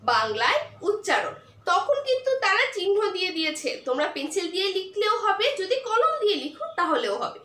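Woman, primary school teacher, very high pitch, lively, repeats questions, echoey room with faint hiss. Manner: asks questions and answers them herself, repetitive and patient. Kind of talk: online class lesson for young children.

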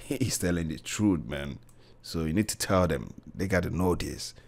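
A man's voice: low voice, lively intonation, measured pace, creaky. A man hosting a reaction video, chatting casually with slang and repeated exclamations. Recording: film music playing in the background.

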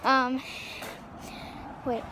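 A woman's voice: extremely slow, background noise. A teenage girl vlogging casually outdoors on a street into a handheld phone camera, rambling with lots of fillers and restarts. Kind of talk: casual vlog chat.

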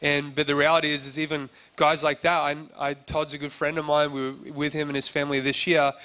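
A man's voice: on the high side, level tone, fairly quick, pushed and bright, clear, resonant tone. A man preaching a sermon and telling his own story in a loose, conversational way, acting out the dialogue he quotes. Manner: conversational, acts out quoted dialogue, frequent restarts. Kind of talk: sermon testimony.

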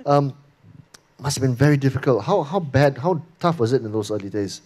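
A man's voice: medium pitch, brisk, a little mellow. A man interviewing a guest on a hall stage with a handheld mic, prompting with questions that end in "right?". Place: hall stage, seated in armchair.

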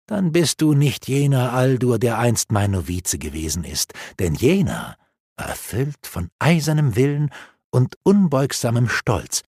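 A man's voice: mid-range voice, sing-song, a little slow, a little mellow, slightly rough, dry recording, clean studio sound, exaggerated voice. A man voicing a cunning, scornful elf sorceress in an audiobook, speaking in a mocking, coaxing way. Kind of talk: audiobook reading.

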